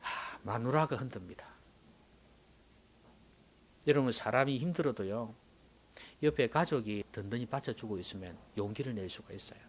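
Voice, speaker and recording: A male pastor preaching a sermon, swinging dramatically from loud exclamations to hushed whispers. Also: mid-range voice, animated, normal speed, long pauses, a little hiss or hum.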